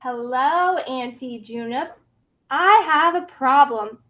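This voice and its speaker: A woman reads aloud from a children's storybook, voicing a tiny young T. rex in a high, slow voice. The character comes across childlike, earnest and determined, speaking in short, careful sentences, though the recording is muffled.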